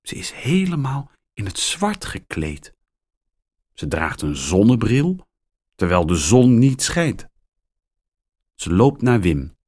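A man reading a children's story aloud, very slowly and with clear, expressive articulation. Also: on the low side. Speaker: narrator.

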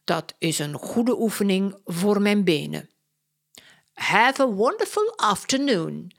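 A woman voicing a polite older male detective who speaks in a slow, measured, courteous way. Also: lowish voice, expressive, exaggerated voice. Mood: musing.

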